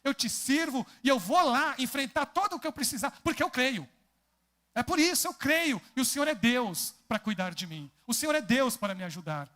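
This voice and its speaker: A man's voice: very high voice, animated, a little fast, bright, forceful tone. A man with a Brazilian Portuguese accent preaching an expository sermon in a church, often putting questions to the congregation. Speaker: pastor.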